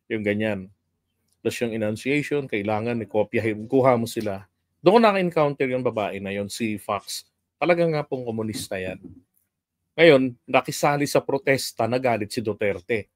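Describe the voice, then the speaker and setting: A man's voice: fairly low pitch, dry recording, studio quality. A man from the Philippines hosting a political commentary livestream, telling stories in a chatty way and laughing often.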